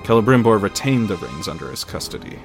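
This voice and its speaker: Low-voiced man narrating an epic tale. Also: big pitch swings, fast talker. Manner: solemn, dramatic storytelling. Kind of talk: scripted fantasy narration. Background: faint music.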